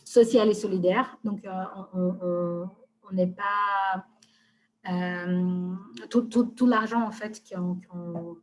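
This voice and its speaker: Hesitant woman demoing software live. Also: lowish voice, steady tone, takes it slowly, slight background noise. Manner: hesitant, many fillers. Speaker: software presenter. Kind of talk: live webinar demo.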